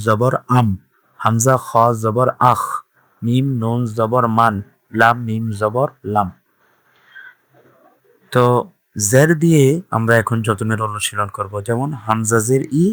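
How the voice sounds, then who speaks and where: A man of middle pitch gives a patient, step-by-step reading lesson, spelling each letter aloud and repeating the sounds. His voice is close and dry, with no room around it. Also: no echo. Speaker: Quran reading teacher.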